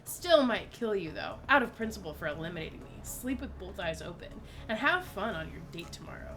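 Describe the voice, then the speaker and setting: A woman's voice: medium pitch, very animated, fairly quick, over music. A woman reading the lines of a spiteful killer contestant, mocking and threatening in a game dialogue reading.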